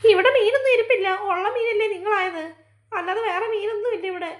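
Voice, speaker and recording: Woman, very high voice, rattling fast, fretful mother in a family skit. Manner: exclaiming, fretful, scolding. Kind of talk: family comedy skit acting.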